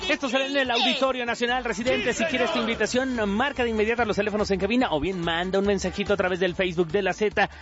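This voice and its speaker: Upbeat high-voiced male radio host. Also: fairly even intonation, dull audio. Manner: upbeat and quick, announcing events. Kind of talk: lively radio show chat.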